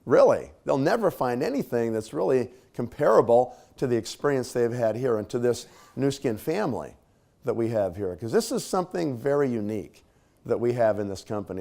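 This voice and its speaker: At a leadership training, a male speaker gives a relaxed, conversational motivational talk to a live audience, using casual fillers and tag questions. His mid-range voice is slightly scratchy and creaky, he clears his throat, and he speaks at a moderate pace.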